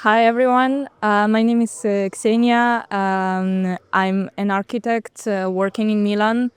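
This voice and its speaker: A Russian woman, a native Russian speaker, answers questions as a guest in a casual interview held outdoors on a bench at a city event. Her mid-range voice is steady, unhurried, and smooth, with no room sound, though she speaks hesitantly, using many fillers and restarts.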